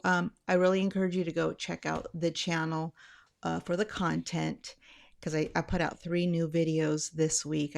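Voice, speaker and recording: Middle aged lady w a lowish voice and lots of vocal fry, chatting thru tips, kinda rambly. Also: a little mellow. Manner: rambling, self-correcting, chatty. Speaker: channel host sharing anxiety tips. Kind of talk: casual, conversational explainer to camera.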